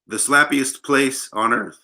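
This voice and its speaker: Here a Los Angeles guest bassist chats casually on a livestream interview, his mid-range voice fairly even in intonation, a little slow, with vocal fry and a pushed, bright quality. He's a playful joker and a rambling storyteller who spins long tales.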